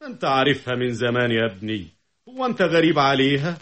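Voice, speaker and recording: An actor with an Egyptian accent playing an anxious, jealous young doctor in a vintage radio drama, fretful and sometimes shrill. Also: male voice, very animated, fast talker, a bit bright. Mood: gloomy. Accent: Egyptian Arabic. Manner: fretful, turns bitter and shrill.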